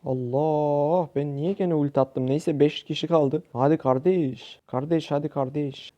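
An excitable young man from Turkey talks over his own gameplay, calling out teammates and firing off words again and again. His voice sits a little high yet sounds very dark and mellow. The lo-fi mic leaves it dull. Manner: excitable, shouts at teammates, rapid repeated words. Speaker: gaming YouTuber. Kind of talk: live gameplay commentary.

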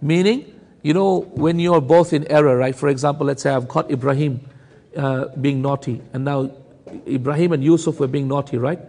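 A man's voice: a little high, fairly even intonation, normal speed, a little mellow, big-room sound. A man teaching a Quran commentary lesson who recites Arabic verses at speed, then explains them to his brothers and sisters. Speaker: Islamic teacher.

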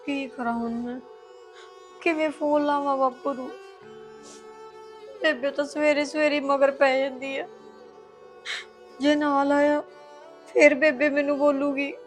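Sad young daughter-in-law, high soft voice, resigned, roomy echo and faint music. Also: female voice, flat delivery, unhurried, long pauses. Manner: soft, resigned, holding back tears. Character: sad, put-upon young wife missing her parents. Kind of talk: short film drama acting.

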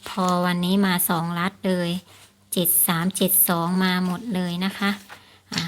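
A woman's voice: lowish voice, flat delivery, normal speed, a little hiss or hum. A woman hosting a casual tips vlog, explaining things to viewers, repeating her points and often checking for agreement with polite particles. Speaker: lottery tips channel host.

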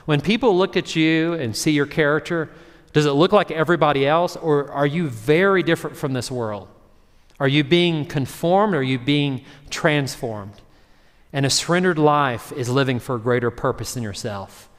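A man's voice: fairly high pitch, moderate pace. Man preaching in a reverberant sanctuary. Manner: conversational, acts out short voices in his story. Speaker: pastor. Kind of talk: sermon. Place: church sanctuary. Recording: long hall reverb.

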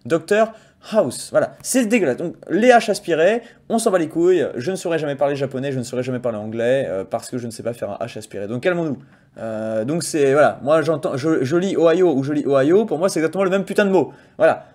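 Playful high-voiced male streamer. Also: expressive, quick pace, a little mellow. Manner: playful, jokey, swears freely; theatrical outbursts and mock lamenting. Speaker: streamer host. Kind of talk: casual livestream chat.

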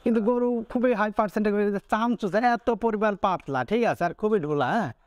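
Quick-talking farmer man, higher voice. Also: no room sound, clean studio sound. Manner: quick, repeats "ji, ji" and "thik ache?". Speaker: dairy farmer. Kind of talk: casual on-site interview. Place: cattle farm.

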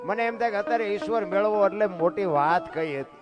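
Male folk preacher, high voice, guitar playing behind. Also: a little fast, muffled recording. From Surendranagar, Gujarat. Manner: preachy, lively folk storyteller. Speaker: folk literature speaker. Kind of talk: dayro storytelling talk.

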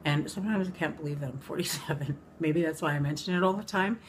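A woman's voice: sits low, fast talker, slight background noise. A woman in her forties chatting casually about makeup in a rambling way, full of ums and self-corrections, recorded on a camera in her bedroom. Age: 40s. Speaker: beauty vlogger. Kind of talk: casual makeup review vlog. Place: bedroom at home.

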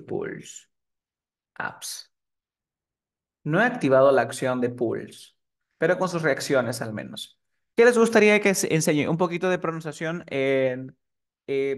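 A man teaching English in a live online class, often asking the students if they are following. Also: on the high side. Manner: asks the class frequent checking questions.

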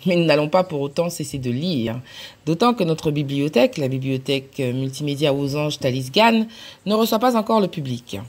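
A woman's voice: low voice, moderate pace. A woman reading a children's picture book aloud for a library, acting out laughs and cries as she goes. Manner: animated, acts out laughs and cries. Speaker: library storyteller.

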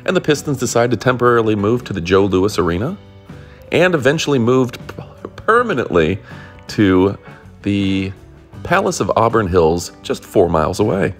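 A male host narrates a casual documentary, his pitch swinging up and down as he talks. He keeps it upbeat and drops jokey asides along the way. Faint guitar music plays underneath. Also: sing-song, moderate pace. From Detroit area.

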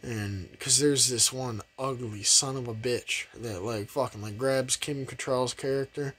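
A man's voice: medium pitch, steady tone, unhurried, fairly bright tone, husky. A young man reviewing a film in a casual, rambling way, swearing a lot, filling gaps with "like", and laughing as he goes. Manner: rambling, profane, heavy use of fillers; laughs often while talking. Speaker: movie reviewer.

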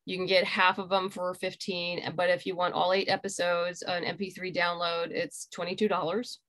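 Speaking into a computer microphone on a video call from home, this middle-aged graphic novel creator explains things conversationally as an interview guest. She has a lowish, slightly bright voice with little pitch movement and a moderate pace.

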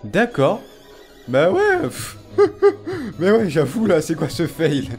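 Excitable high-voiced French gamer. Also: male voice, slow, faint music behind. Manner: excitable, swears, groans and shouts at the game. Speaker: gamer streaming a mobile game tournament. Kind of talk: excited live gameplay commentary.

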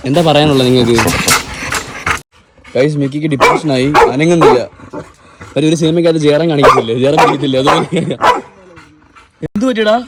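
A man's voice: fairly high pitch, fairly quick, long pauses, very noisy. A man vlogging casually, teasing and chatting to his pet dog.

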